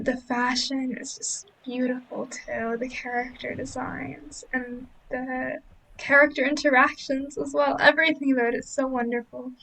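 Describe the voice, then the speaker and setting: A young woman talks casually over gameplay footage in a relaxed voice-over. Her voice sits high and slips into gravelly fry at phrase ends. She rambles gently, hedging often with fillers. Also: low-quality recording. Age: young adult. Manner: rambling, many fillers and hedges. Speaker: book vlogger.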